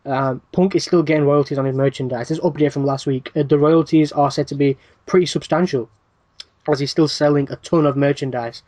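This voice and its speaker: A man's voice: fairly high pitch, steady tone, fairly quick, a little mellow, no echo. A man hosting a wrestling podcast, reading news items in a casual rundown with dry asides and plenty of "uh" fillers.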